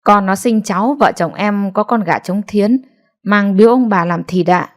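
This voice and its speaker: A woman's voice: mid-range voice, moderate pace, natural voice. Brief: woman voicing a shy, courteous elderly grandmother. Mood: polite. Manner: polite, hesitant, soft-spoken. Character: gentle humble elderly grandmother, timid.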